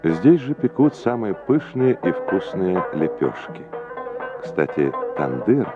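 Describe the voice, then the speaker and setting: Male newsreel narrator, 1980s documentary voice-over, very low, formal and measured, muffled archive audio. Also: very animated, over music. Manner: measured, formal announcer delivery. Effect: old Soviet newsreel sound.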